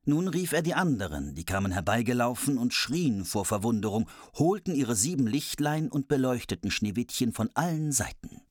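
Someone reading a fairy tale aloud in a lively, playful way, adding cheeky asides. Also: medium pitch, normal speed, hardly any pauses, no room sound, studio quality. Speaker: storyteller.

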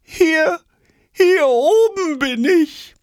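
A man's voice: extremely high pitch, expressive, drawn-out words, dry recording, voice pushed up, exaggerated voice. A man voicing a timid female plastic bag with a thin, fluttery voice in a children's audiobook. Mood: relieved. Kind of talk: audiobook role.

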